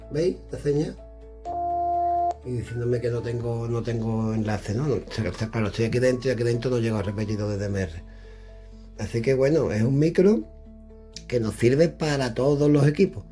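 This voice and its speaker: A middle-aged man with a warm, medium-pitched voice chats casually indoors while demonstrating radio equipment. He reviews the gear, thinking aloud as he fiddles with the devices.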